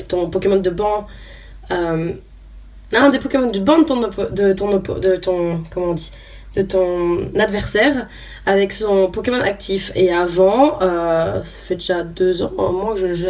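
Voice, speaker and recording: A young woman chats casually during a trading card unboxing, reading each card name aloud with plenty of hesitation and fillers. Her voice is mid-range and a little mellow, captured slightly distant from the mic with faint noise.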